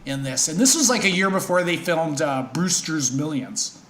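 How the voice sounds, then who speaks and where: A man's voice: a little high, moderate pace, a little hiss or hum. A man co-hosting a podcast, chatting casually and reading from his notes. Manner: relaxed, reads from notes. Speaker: podcast co-host. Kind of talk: casual chat.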